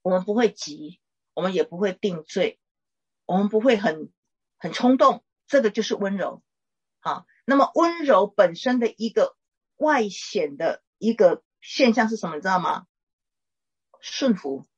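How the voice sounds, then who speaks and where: A middle-aged woman, a pastor's wife, gently teaching and counseling a caller in a chatty way with small laughs. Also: mid-range voice, animated, measured pace, breathy edge, lo-fi sound. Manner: warm conversational teaching, frequent "哈" tags and laughs.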